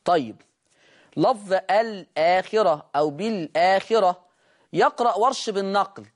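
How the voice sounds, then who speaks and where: Egyptian man slowly chanting recitation examples. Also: high voice. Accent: Egyptian Arabic. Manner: explains briskly, then slowly draws out and repeats recited words. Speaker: Quran recitation teacher. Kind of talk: recorded lesson on recitation readings.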